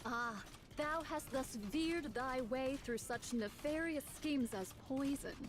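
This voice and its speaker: High, unhurried, old-fashioned formal speech; lofty game character. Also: female voice. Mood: musing. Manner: archaic formal phrasing, theatrical. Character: archaic-speaking woman, formal, lofty and curious. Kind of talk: video game voice acting.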